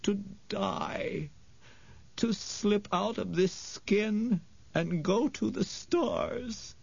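A man putting on a frail, creaky old woman. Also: high-pitched, dry recording, pitched above the performer's own voice, exaggerated voice. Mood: sorrowful. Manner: slow, tender, calling the boy "my sweet". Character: weary ancient woman, gentle and sorrowful. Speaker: audiobook reader. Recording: dull, dry studio read.

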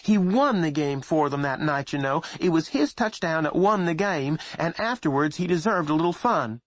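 A woman's voice: low-pitched, lively intonation, normal speed, no room sound, pitched above the performer's own voice. A man doing a pushy, self-pitying mother. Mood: aggrieved. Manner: insistent, wheedling, turning plaintive.

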